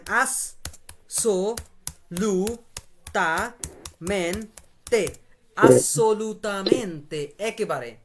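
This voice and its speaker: A man teaching a live online language class over a video call, repeating words slowly and breaking them into syllables. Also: high-pitched, fairly bright tone.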